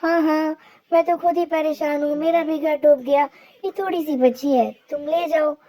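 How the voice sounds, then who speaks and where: A woman's voice: high-pitched, steady tone, moderate pace, warm tone, pitched above the performer's own voice, close to an everyday voice. A woman voicing a worried, tearful mother sparrow in a cartoon story, talking in an anxious, pleading way. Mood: weary.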